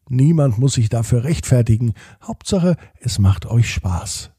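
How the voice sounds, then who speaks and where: A man hosts a children's podcast, narrating a bedtime story and talking directly to young listeners while drawing out repeated words. His medium-pitched voice is dark and slightly rough, recorded at studio quality with no echo.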